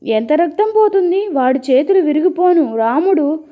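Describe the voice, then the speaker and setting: A woman voicing a frantic old village woman who cries out for help in a high, strained voice. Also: expressive, normal speed, phone-quality sound. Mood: frantic, wailing. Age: older. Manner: crying out in distress, high and strained.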